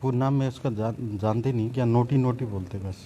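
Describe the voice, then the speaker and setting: Hesitant man with a mellow voice. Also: medium pitch, brisk, lo-fi sound, slight background noise. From Nepal. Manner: brief, hesitant answers. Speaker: interviewee, assault victim.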